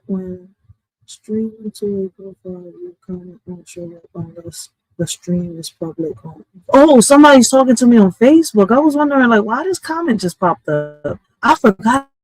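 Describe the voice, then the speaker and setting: A man's voice: sits high, no echo, poor audio. A man hosting his own livestream, chatting loose and streetwise, often cursing and asking "all right?". His voice is close and dry, with no room sound around it. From Puerto Rico. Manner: street-casual, repeats "all right?" and curses. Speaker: livestream host. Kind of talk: casual livestream chat.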